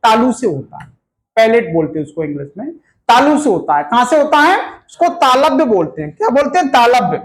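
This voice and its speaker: A male Hindi teacher in a classroom, teaching in a lively question-and-answer style and drilling the students with repeated questions. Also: extremely high pitch, brisk, reverberant, rough recording.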